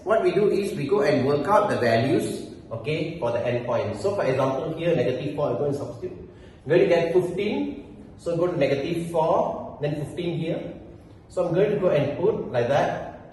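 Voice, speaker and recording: A man's voice: medium pitch, darkish tone, slight background noise. Echoey man teaching math. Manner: explains step by step, asks and answers his own "why?", fillers of "okay". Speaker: math lecturer. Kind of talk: whiteboard math tutorial. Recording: very echoey hall, mic far off, faint ambience.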